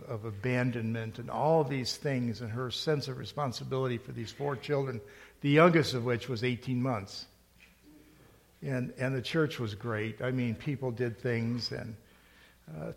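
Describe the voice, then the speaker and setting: A man's voice: medium pitch, vocal fry. A middle-aged male pastor preaching a sermon in a conversational storytelling way, rising to emphatic points. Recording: long hall reverb.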